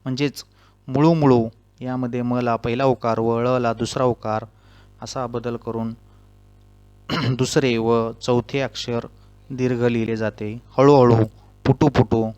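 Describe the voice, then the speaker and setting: A man teaching a grammar lesson, reading out rules one by one and spelling out the example words slowly. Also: medium pitch, flat delivery, a little mellow, clean tone, muffled recording. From Maharashtra.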